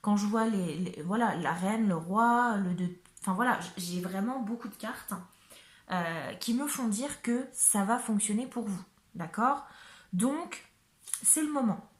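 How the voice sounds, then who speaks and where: A woman's voice: medium pitch, a little slow, reverberant. A woman giving a casual tarot card reading to camera in a chatty, hesitant way, with lots of fillers and frequent check-ins with her viewers.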